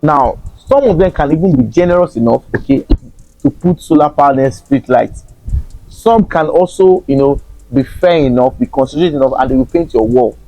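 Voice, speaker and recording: Nigerian man, frank and teasing, chuckling, warm dark voice, dry close sound. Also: on the high side, normal speed, no echo, faint music behind, low-quality recording. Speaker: real estate consultant. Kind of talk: casual talk to camera.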